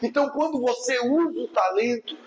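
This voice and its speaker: A man's voice: extremely high pitch, fairly quick, a little hiss or hum, low-quality recording. A man with a Brazilian Portuguese accent preaching a sermon as pastor, emphatic, often asking the congregation whether they follow him. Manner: emphatic, keeps asking the congregation "are you understanding me, yes or no?"; acts out churchgoers' voices in quotes.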